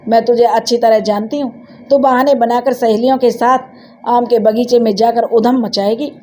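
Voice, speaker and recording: A woman's voice: a little high, fairly even intonation, moderate pace, mellow, natural voice. A woman voicing a strict, watchful old grandmother who talks in a scolding way.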